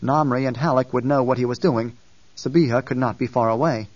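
A man narrating an audiobook in a steady, measured reading. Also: medium pitch, no room sound. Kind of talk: scripted narration. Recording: dull distant dry recording.

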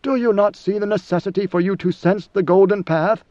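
A male narrator plays a cold, imperious god-emperor, his high voice giving lofty, measured commands. It sits close to an everyday voice and is a little mellow. The dry recording is slightly muffled.

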